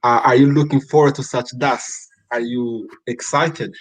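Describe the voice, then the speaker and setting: A man hosting an interview, asking questions slowly with frequent fillers. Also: medium pitch, fairly even intonation, poor audio. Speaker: interview host.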